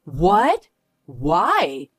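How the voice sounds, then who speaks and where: A woman's voice: fairly low pitch, wildly swooping pitch, very slow, breathy edge, dry recording, studio quality, heavily acted. A woman voicing a snobbish rich woman who mocks the poor in a condescending tone. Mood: defensive. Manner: condescending, mocking. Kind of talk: voiced story drama.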